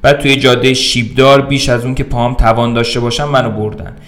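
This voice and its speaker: A man's voice: mid-range voice, flat delivery, a bit bright. Man reading a story, wry and conversational. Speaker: podcast narrator. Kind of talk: reading a short story aloud.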